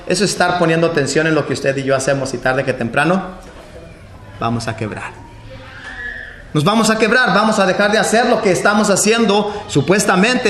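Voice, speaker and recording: A man preaching a sermon with impassioned delivery, often dropping low and quiet at the ends of phrases. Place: church hall. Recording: echoey church hall, faint background noise.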